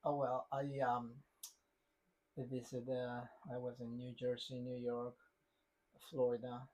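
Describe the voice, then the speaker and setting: Ecuadorian guy, spanish accent, kinda husky, halting podcast chat. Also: medium pitch, completely flat delivery, darkish tone, low-quality recording. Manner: halting, many fillers and restarts, non-native phrasing. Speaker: podcast co-host. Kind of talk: casual chat.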